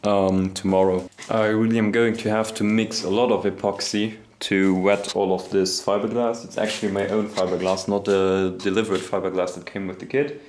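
A young man filming a casual workshop vlog in his home garage, talking in a relaxed, self-deprecating way with lots of fillers, recorded on an action camera. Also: on the low side, normal speed, few pauses, slight background noise. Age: young adult. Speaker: hobby boatbuilder vlogger. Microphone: action camera on body or nearby.

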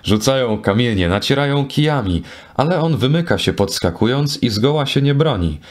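A man narrating a medieval tale as an audiobook, in a steady storytelling reading. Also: medium pitch, moderate pace. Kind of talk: scripted narration.

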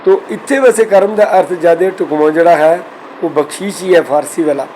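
A man from Punjab explaining the correct pronunciation and meaning of scripture verses, slowly reciting each verse between explanations. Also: on the high side, a little mellow, slight background noise, rough recording. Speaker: Sikh scripture teacher.

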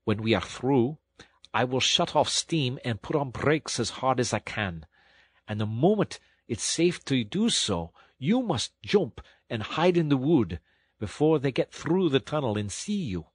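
A man voicing a stern but kindly train engine driver who speaks in a firm, plain way, in a husky voice. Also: medium pitch, measured pace, no echo. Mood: stern then kind. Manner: steady, firm and plain-spoken. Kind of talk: audiobook storytelling.

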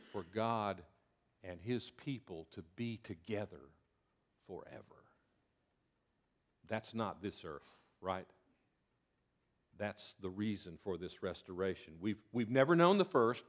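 An older man with a Southern US accent preaching a sermon from a pulpit in a church sanctuary, folksy and earnest, often restarting his words. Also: mid-range voice. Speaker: pastor. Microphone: pulpit mic.

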